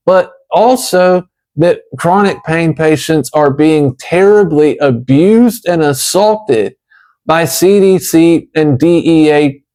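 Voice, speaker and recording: A man with a slight lisp, as if wearing a retainer, delivering an earnest, emphatic advocacy monologue in deliberate phrases. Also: fairly high pitch, darkish tone. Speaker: chronic pain patient advocate.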